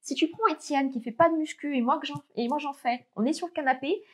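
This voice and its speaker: A woman's voice: high voice, quick pace. A young woman fitness coach giving casual tips straight to the viewer, chatty and full of fillers. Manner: chatty, many fillers, addresses viewer directly.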